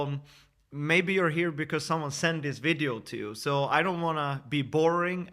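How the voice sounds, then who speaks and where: Bright-voiced Swedish man in his thirties. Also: medium pitch. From Sweden. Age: 30s. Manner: earnest, persuasive, with frequent fillers and restarts. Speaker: network marketing presenter. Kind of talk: screen-share sales presentation.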